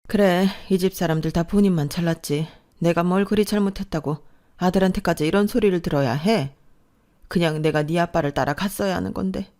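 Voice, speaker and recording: A woman's voice: medium pitch, mellow, natural voice. A woman voicing a bitter, weary middle-aged mother-in-law who talks in a sorrowful, complaining way.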